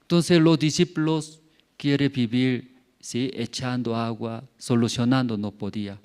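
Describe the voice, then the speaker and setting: Slow, booming-and-hushed preaching man. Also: fairly even intonation, smooth. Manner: rhetorical questions, repeats words, swings loud and soft. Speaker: pastor. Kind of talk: sermon. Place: church.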